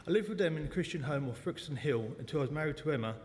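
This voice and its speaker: A man's voice: fairly high pitch, lively intonation, racing, darkish tone, slight background noise. Man in his forties, echoing church hall. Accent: South London. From South London, England. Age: 40s. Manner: chatty, self-deprecating jokes. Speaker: lay speaker at a church service. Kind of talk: personal testimony talk. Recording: long church hall reverb.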